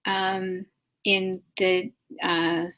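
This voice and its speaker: Slow, patient woman teaching pronunciation. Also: medium pitch, flat delivery. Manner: unhurried and patient, with many pauses and soft fillers; demonstrates pronunciation by repeating sounds. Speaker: spiritual teacher answering questions. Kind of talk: live-stream Q&A class.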